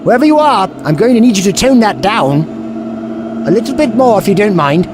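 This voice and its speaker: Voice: mid-range voice, very animated, a little fast, background noise, close to an everyday voice. A performer in an audio drama playing the Doctor, an eccentric, kindly time traveller who explains things in a wordy, scholarly way. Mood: brisk, polite.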